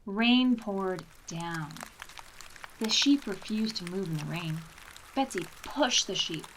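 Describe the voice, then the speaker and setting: Reading a picture book to preschoolers, this library storytime reader speaks slowly in a medium-pitched voice with lively intonation. She stresses lines dramatically and addresses questions to the little listeners. The audio is poor, with slight background noise.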